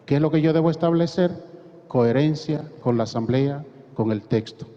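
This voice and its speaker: A Dominican man leads a church training session and demonstrates his points as he teaches. His voice is warm and mellow. It rings with a long hall reverb. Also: a little high, normal speed. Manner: didactic, poses rhetorical questions and demonstrates. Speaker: course facilitator. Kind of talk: parish training class. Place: parish hall. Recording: reverberant hall, dull lo-fi sound.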